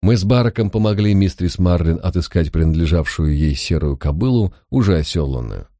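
A man narrating an audiobook in a steady, even storytelling manner. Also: low voice, a little fast, no room sound, studio quality.

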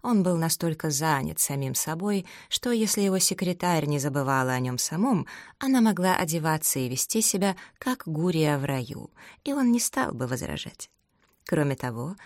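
Low-voiced woman reading a novel aloud. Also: no room sound, studio quality. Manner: steady, measured storytelling. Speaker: audiobook reader. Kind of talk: scripted narration.

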